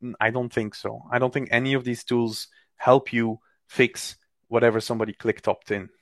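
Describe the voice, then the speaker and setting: A man's voice: mid-range voice, flat delivery, no room sound. A man in a casual technical discussion, talking emphatically and arguing his views. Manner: emphatic, opinionated, quick to argue.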